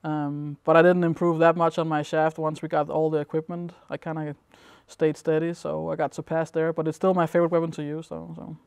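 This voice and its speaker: A young man from Denmark, a competitive gamer, answering interview questions in a relaxed, rambling way with plenty of fillers. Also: a little high, a little fast, vocal fry, few pauses, smooth, no room sound. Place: dim indoor room at a gaming event.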